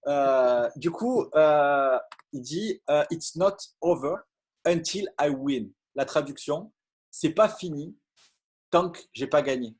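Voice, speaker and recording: A man's voice: a little high, breathy edge. A man giving an earnest motivational talk on a video call, with many fillers and restarts. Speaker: business opportunity speaker.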